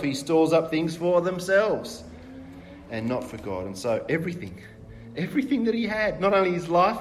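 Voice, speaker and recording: A man preaching a sermon in a conversational way, asking rhetorical questions and pausing with fillers and restarts. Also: on the high side, slight background noise.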